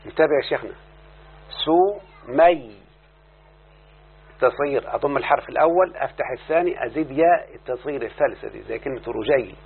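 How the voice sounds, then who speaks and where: This Egyptian-accented teacher talks very fast with few pauses, his mid-range voice gravelly and slightly rough. He keeps quizzing the class and pushing them to respond, captured on a tinny lo-fi recording with a faint hum.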